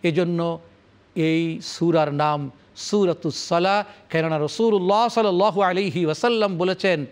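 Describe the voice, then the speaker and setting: A man with a fairly high voice delivers a formal religious lecture on the Quran for television. He chants Arabic verses, then builds solemn, rhythmic chains of repeated phrases to explain them. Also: moderate pace. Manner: formal, solemn address to the audience. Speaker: Islamic scholar presenting Quran commentary.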